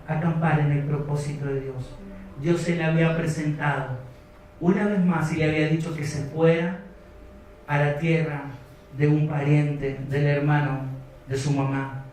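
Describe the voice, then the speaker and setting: A man's voice: fairly high pitch, a little mellow, a little hiss or hum. A man with a Rioplatense Spanish accent preaching a sermon as pastor, retelling a story and exhorting his congregation. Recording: echoey hall, distant mic.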